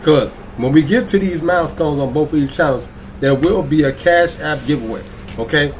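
A man's voice: on the high side, slight background noise. Hyped-up male reaction vlogger. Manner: excitable, slangy, drawn-out hype shouts, singsong ad-libs. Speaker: YouTube reaction channel host. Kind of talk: hyped casual vlog intro.

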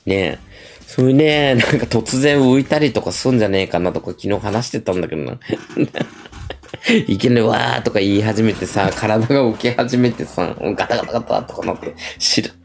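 A man's voice: fairly low pitch, brisk, darkish tone. A middle-aged man livestreaming, telling stories in a chatty, gossipy way with a feminine speech style. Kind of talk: casual livestream chat.

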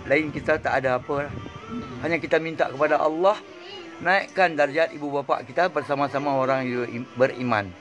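An old Malaysian man in his eighties talks about faith in a slightly raised, halting voice, wandering between thoughts and dropping in Arabic phrases. He speaks close to a phone in a small indoor room. Music plays clearly behind him. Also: a little high, a bit bright. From Kedah, Malaysia. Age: 80s. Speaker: interviewee. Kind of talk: religious reflection. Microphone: phone held close.

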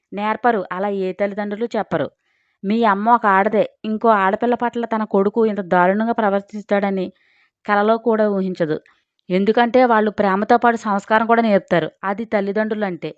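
A woman voicing a spirited young female college student who talks back in a sharp, reproachful way. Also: mid-range voice, steady tone, a little fast, no room sound, natural voice. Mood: indignant. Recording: dry, slightly dull recording.

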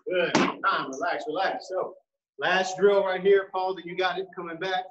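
A man with a high, unhurried voice coaches a dribbling workout, counting reps and shouting cues. He sounds far from the mic in an echoey room, with loud noise behind him. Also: steady tone, dull audio. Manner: calls out counts and cues, encouraging. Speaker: basketball coach. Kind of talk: home workout drill instruction.

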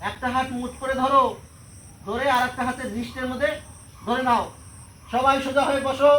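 A woman's voice: high voice, a bit bright, a little hiss or hum, poor audio. A woman yoga teacher, leading a class of schoolchildren and giving step-by-step commands and counting aloud.

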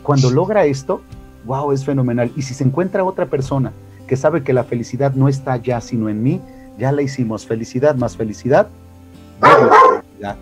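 A Mexican-accented man leads a church marriage talk at a middle pitch. He speaks with lively emphasis, acting out little quotes and addressing listeners as brothers, with soft music faint behind him. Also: a little fast. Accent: Mexican Spanish. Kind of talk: preaching-style talk to a church audience.

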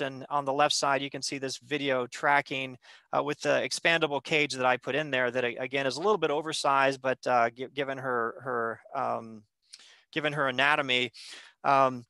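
A man's voice: mid-range voice, sharp tone, no room sound. A man, a surgeon, presenting a case at a virtual conference in a conversational way, with frequent fillers and restarts, over a video call microphone.

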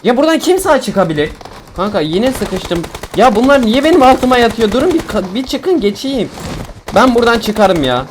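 A young man from Turkey giving excitable, joking commentary while he streams a game, complaining loudly and then muttering low. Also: moderate pace. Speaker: gaming streamer. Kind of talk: casual gameplay commentary. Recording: faint game noise and gunfire behind.

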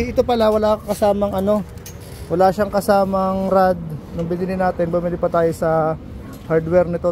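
A man unboxing a welding machine in a casual vlog and chatting to viewers. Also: high-pitched. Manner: chatty, keeps addressing viewers as idols. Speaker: vlogger. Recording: loud street noise.

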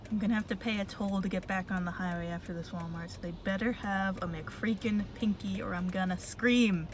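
A woman's voice: mid-range voice, steady tone, brisk, noisy background. Chatty young woman vlogging from her car. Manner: chatty, dryly sarcastic, drops to soft murmurs in stores. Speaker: vlogger, model horse collector. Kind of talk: casual vlog commentary. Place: inside a car in snowy weather, wipers going. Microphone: camera mounted on the dashboard.

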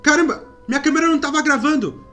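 High-pitched young Brazilian gamer. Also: male voice, quick pace, sharp tone. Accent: Brazilian Portuguese. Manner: dramatic, feigns fear, talks to viewers and companion. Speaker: gaming youtuber. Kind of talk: excited gameplay commentary. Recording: background music under voice.

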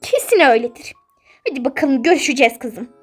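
A woman's voice: high voice, quick pace, husky, soft background music. A woman voicing a strict, nosy middle-aged mother in a toy-game role-play, scolding and suspicious.

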